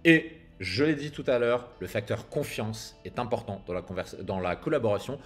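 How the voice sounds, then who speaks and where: Soft music plays behind a man with a fairly low, expressive voice as he coaches copywriters at a moderate pace. He films the casual monologue himself outdoors at sunset, speaking emphatically and punchily with slang and an occasional swear word.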